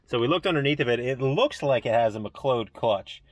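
Here a mid-range male voice with lively intonation and normal speed explains a car problem for a casual garage vlog. He's a car shop owner thinking aloud, with lots of "um"s, over slight background noise.

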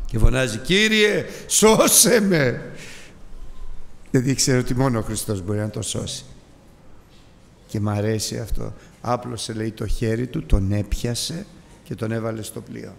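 A man with a Greek accent delivering a fervent Sunday sermon, his voice rising into sudden high peaks, recorded in a church hall. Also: fairly even intonation, gravelly, long pauses. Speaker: preacher.

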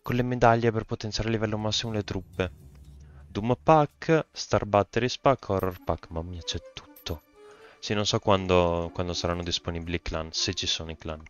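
A low-voiced man chats through a game session, reading menus aloud and reacting with sudden bursts of excitement. His voice comes through a slightly dull, lo-fi desktop mic. Faint game music plays behind him. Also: normal speed, smooth. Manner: excitable, thinks aloud, reads game text out, sudden loud exclamations. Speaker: gaming YouTuber. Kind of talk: casual gameplay commentary.

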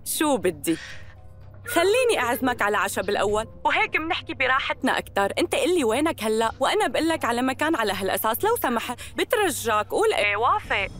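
A woman's voice: on the high side, sing-song, fast, fairly bright tone, soft background music. A woman in her thirties with a Syrian accent, playing a persuasive, manipulative young woman in dubbed TV drama, coaxing and insistent.

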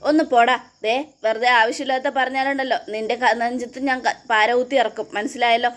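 A woman's voice: fairly high pitch, steady tone, brisk, fairly bright tone, lightly acted. Woman voicing a bitter, unhinged father. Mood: scornful. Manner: scornful, menacing.

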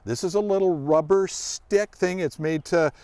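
Out in a grassy forest clearing, a middle-aged man who handles search dogs presents to children as a guest, keeping it casual and folksy while he explains and poses questions. He has a high, slightly mellow voice at a normal speed, captured in a dry recording.

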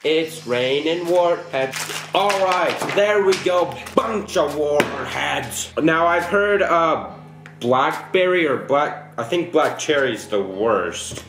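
A man's voice: fairly high pitch, lively intonation, slow, music in the background. A teenage young man casually commentating on a challenge while eating sour candy, groaning as he reacts. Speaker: vlog host. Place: small indoor room at home, seated at a table. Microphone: camera a short distance away. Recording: echoey room, distant camera mic.

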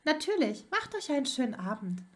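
Casting: freundliche Mutter mittleren Alters, von einer Frau gelesen, Hörbuch, eher hohe Stimme. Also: female voice, sits high, big pitch swings, fairly quick, pitched above the performer's own voice. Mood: friendly. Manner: warm, curious. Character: friendly middle-aged mother.

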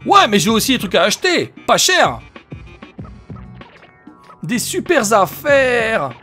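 Man doing an eager, high-voiced pawnbroker. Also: sing-song, slow pace, sharp tone, faint music behind, exaggerated voice. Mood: eager, wheedling. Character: eager, welcoming pawnbroker pushing bargains. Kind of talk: acted video game dialogue.

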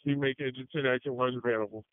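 Quick talking guy calling in on police radio from a fire crew, clipped, thin phone-like signal. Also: mid-range voice, fairly even intonation, no room sound. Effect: two-way radio. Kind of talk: police-radio style field reports. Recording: narrow phone-like field radio.

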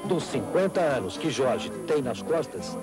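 A man's voice: mid-range voice, big pitch swings, unhurried. A man with a Brazilian accent reading scripted documentary narration as a TV reporter. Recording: clear music behind narration.

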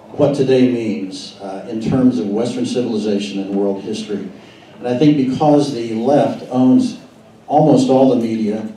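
A man's voice: mid-range voice, dark tone. A man organizing a meeting, introducing a speaker in a rambling, hesitant way with fillers. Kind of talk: speech at a meeting. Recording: echoey room, distant mic, faint noise.

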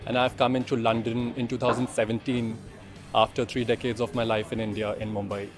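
A man in his thirties giving a steady account in a street interview. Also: mid-range voice, a little fast, music in the background. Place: outdoors on a city street.

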